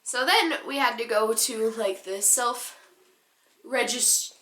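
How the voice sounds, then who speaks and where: A teenage girl vlogger telling a casual story-time tale in an animated, giggly, rambling way. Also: on the high side, takes it slowly, echoey room.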